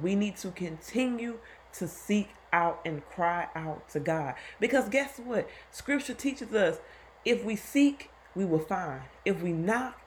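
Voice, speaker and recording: A woman's voice: medium pitch, creaky, a little hiss or hum. A woman giving earnest devotional Bible teaching, encouraging her listeners and repeating her key points.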